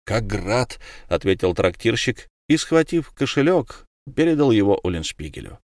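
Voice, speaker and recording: Animated male audiobook narrator. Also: medium pitch, moderate pace, no echo, clean studio sound. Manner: lively, expressive reading. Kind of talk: scripted narration of a classic novel.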